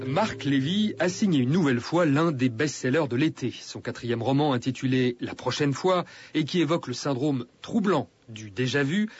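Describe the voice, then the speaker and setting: A man as a radio presenter, reading a scripted report in a smooth, even way. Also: fairly high pitch. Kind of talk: scripted news narration. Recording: dull lo-fi radio sound.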